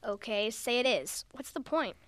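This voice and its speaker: A woman's voice: a little high, lively intonation, normal speed, dry recording, lightly acted. An actress playing a skeptical, sarcastic girl club member in a radio drama.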